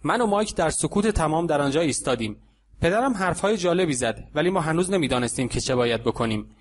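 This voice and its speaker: A man reading an audiobook story aloud in a calm, even narrating voice, giving the characters light voices in the dialogue. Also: a little high, slight background noise.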